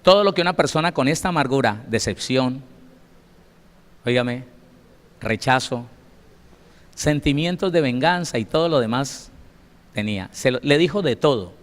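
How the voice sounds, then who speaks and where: A man's voice: mid-range voice, expressive, moderate pace, long pauses. A male pastor teaching a Bible study, telling stories with emphasis and addressing listeners directly. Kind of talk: sermon-style Bible study. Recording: long hall reverb.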